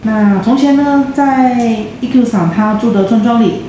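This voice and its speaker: Mellow woman telling a story. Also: on the high side, slow pace, slight background noise. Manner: relaxed storytelling with filler words. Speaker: co-host explaining a folk tale. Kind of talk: storytelling explanation. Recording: very echoey room.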